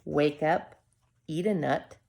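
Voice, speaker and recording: A woman with a low, gravelly, darkish voice reads a storybook to children, full of expression, with purposeful dramatic pauses and short asides to her audience.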